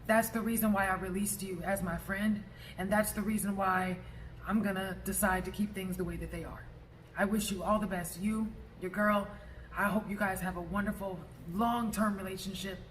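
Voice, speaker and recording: An assertive vlogger speaks plainly and emphatically in a mid-pitched voice, as if addressing someone directly. The talk is casual and salted with profanity, over a faint layer of background noise. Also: steady tone, normal speed, rough recording. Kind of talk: personal vlog monologue addressed to a former friend.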